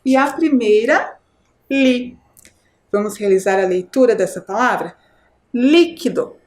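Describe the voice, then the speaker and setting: A woman teaching a video lesson to young children, slowly sounding out words syllable by syllable with a Brazilian Portuguese accent, often checking in with them. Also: mid-range voice, expressive, a little mellow. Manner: slow, syllable-by-syllable drawn-out pronunciation. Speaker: primary school teacher.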